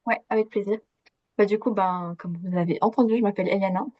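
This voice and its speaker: A young Swiss-born coach guests on a podcast, chatting casually in a conversational interview, laughing easily and using many fillers. Her medium-pitched voice is fast with fairly even intonation, recorded with no room sound and the highs cut off.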